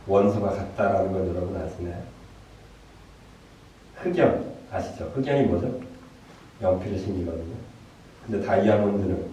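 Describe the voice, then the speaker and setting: A man preaching a Sunday sermon as pastor, telling stories lively and acting out the people he quotes. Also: fairly low pitch, slight background noise. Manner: animated storytelling, acting out quoted voices. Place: church sanctuary. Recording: distant, roomy and dull church recording.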